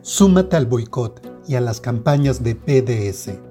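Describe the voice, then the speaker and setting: A woman's voice: very deep voice, expressive, unhurried. A woman announcer reading a scripted promo with a firm, direct delivery. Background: music bed.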